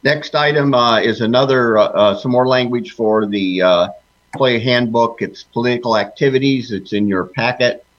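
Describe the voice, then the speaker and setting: A man with a hesitant, halting way of talking, introducing agenda items at a board meeting. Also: mid-range voice. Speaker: trustee running a board meeting. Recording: dull, muffled meeting audio.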